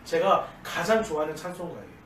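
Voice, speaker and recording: A man preaching in a church with a high, very animated voice. He tells a personal story with earnest feeling. The sound is echoey and distant, with faint hiss behind him. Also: quick pace. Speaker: junior pastor. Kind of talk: dawn service sermon. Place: church sanctuary.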